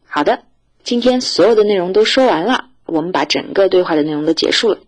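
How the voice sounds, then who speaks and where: A woman teaching a recorded language lesson, her voice lower and a little husky. She explains each point with a lively, rising and falling tone, then reads model sentences slowly for the class to repeat.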